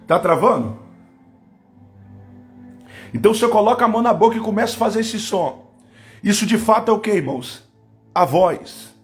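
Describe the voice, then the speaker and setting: A Brazilian man with a high-pitched voice and a Brazilian Portuguese accent preaches a Pentecostal sermon over a live stream, captured by a webcam or phone with soft music underneath. He is fervent, swinging between loud bursts and quiet asides, and speaks in tongues.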